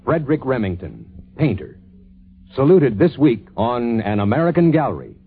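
A dull vintage radio recording with faint music carries a male programme announcer. His husky voice swings widely in pitch as he announces. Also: wildly swooping pitch, moderate pace. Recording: band-limited old radio recording.

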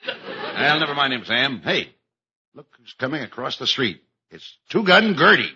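A man's voice: medium pitch, very animated, measured pace, pushed and bright, husky, heavily acted. An actor playing a fussy police lieutenant as straight man, in the manner of a 1930s radio cop comedy. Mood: earnest. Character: fussy, easily scandalized police lieutenant, detective's sidekick. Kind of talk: old-time radio comedy acting. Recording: muffled, very noisy old radio recording.

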